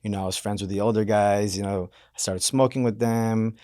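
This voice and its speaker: A man in his thirties from Miami, a podcast guest, telling his life story in a relaxed, rambling way with lots of fillers. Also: fairly low pitch, fairly quick, no room sound, clean studio sound. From Miami, Florida. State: banged up from hockey. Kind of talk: casual interview talk.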